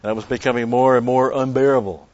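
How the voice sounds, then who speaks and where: A man preaching a sermon in a measured way, with emphatic stresses. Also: medium pitch, fairly even intonation, a little mellow, no room sound, muffled recording. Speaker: pastor.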